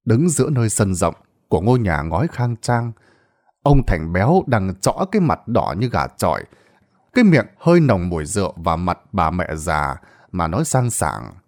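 A man's voice: low-pitched, sing-song, moderate pace, darkish tone. A man narrating a Vietnamese ghost story in a dramatic storytelling style.

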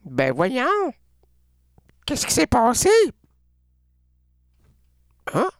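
A performer voicing an excitable, rambling female caller with a Quebec French accent in a comedic radio sketch. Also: medium pitch, drawn-out words, no echo, clean studio sound, heavily acted. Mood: excited. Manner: gushing, giggly, rambling.

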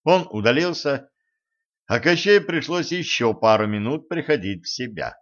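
A man narrating an audiobook in a calm, steady storytelling manner. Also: medium pitch, normal speed, highs cut off.

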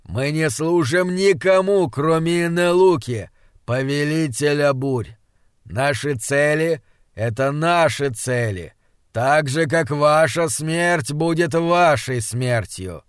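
A man voicing the leader of ghostly riders, cold and slow, speaking in a grave, measured way. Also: fairly high pitch, clear, resonant tone, no echo, studio quality. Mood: cold menace. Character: cold, menacing spectral male rider leader.

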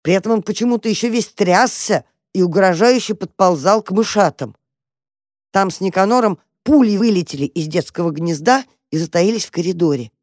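A woman's voice: mid-range voice, a little fast, dry recording, clean studio sound. A woman expressively reading a children's story aloud. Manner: lively, expressive. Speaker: narrator.

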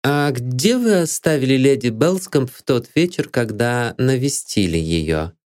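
A man voicing a dry, sharp lawyer who questions in an audiobook. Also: mid-range voice, lively intonation, measured pace, pitched above the performer's own voice, lightly acted. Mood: dry, probing. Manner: dry and probing.

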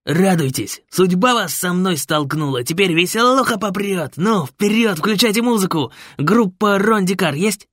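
A man's voice: high voice, expressive, moderate pace, few pauses, a bit bright, dry recording, clean studio sound, voice pushed up. A male reader voicing Fred, a brash, jovial biker designer who talks in slang and bosses everyone around. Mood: boisterous. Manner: slangy, bossy and boisterous. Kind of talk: audiobook character voice.

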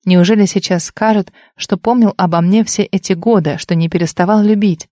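A woman's voice: medium pitch, steady tone, brisk, mellow, dry recording, studio quality. A woman reading a first-person novel aloud as an audiobook narrator, with an emotional, intimate storytelling manner.

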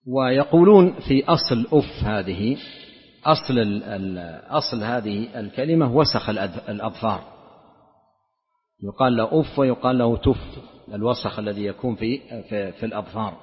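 A man's voice: lowish voice, expressive. Man teaching in a reverberant hall. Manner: measured, repeats and restarts words while explaining. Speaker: Islamic scholar teaching a lesson. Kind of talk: religious lesson explaining hadith. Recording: dull lo-fi lecture recording with long hall reverb.

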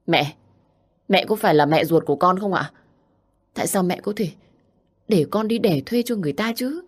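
A woman's voice: fairly low pitch, moderate pace, pitched above the performer's own voice, close to an everyday voice. A woman voicing a worn-out young daughter who speaks in an anguished, raised voice.

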